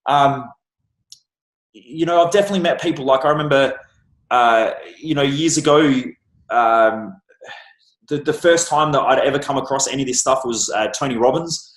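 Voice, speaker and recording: Speaking at normal speed in a mid-range voice, a blunt Australian man swears freely and makes his points emphatically. He's a success coach being interviewed casually for a podcast, recorded in an echoey room with a bookshelf.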